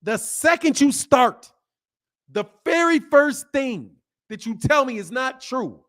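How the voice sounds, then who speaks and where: Slow-paced yet animated, a man in his fifties hosts a boxing live stream, casually going through viewer comments and replying. His voice is fairly high for a man, and he leans on repetition to make points while laughing frequently.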